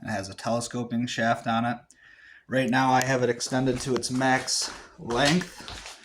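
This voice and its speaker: A man giving a casual, halting product review in his home garage. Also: mid-range voice, fairly even intonation. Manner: plain, halting with fillers.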